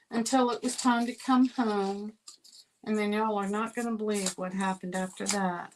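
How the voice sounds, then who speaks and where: A woman with a medium-pitched voice hosts a card-making livestream, chatting casually with viewers, calling them y'all, and telling stories as she demonstrates her craft. The recording is rough, with a little hiss or hum.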